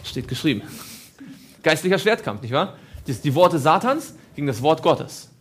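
A man's voice: fairly high pitch, big pitch swings, normal speed, a little hiss or hum. A man preaching a sermon, asking his listeners questions and repeating phrases for emphasis.

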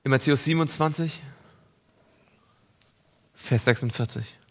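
A man preaching a sermon, reading scripture and speaking directly to his listeners, moving between raised, emphatic passages and hushed ones. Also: mid-range voice, a little slow. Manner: addresses listeners directly and personally; reads scripture aloud within the sermon.

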